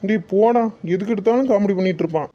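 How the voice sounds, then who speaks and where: A performer voicing a grumpy young husband and bossy older brother in a cartoon, grumbling and scolding. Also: male voice, high-pitched, fast talker, muffled recording, natural voice. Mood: bickering. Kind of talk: cartoon voice acting.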